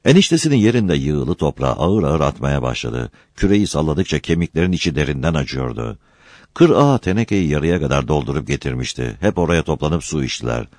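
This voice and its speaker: A man with a deep voice reads a novel aloud in steady audiobook narration. His delivery is lively and expressive. The recording is dry and close. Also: a little fast, no room sound. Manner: steady storytelling.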